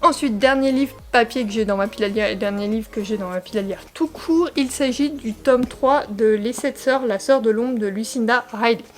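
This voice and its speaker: A woman's voice: on the high side, normal speed, few pauses. Chatty young woman with fillers. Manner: chatty, many fillers and restarts. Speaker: book vlogger. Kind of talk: casual book talk with read-aloud summaries.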